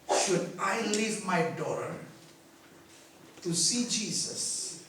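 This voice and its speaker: A man's voice: high-pitched, expressive, extremely slow, background noise, exaggerated voice. A man voicing an anxious, urgent father pleading for his dying daughter, impatient and mixing in English lines. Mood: resolute. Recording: echoey hall from far off.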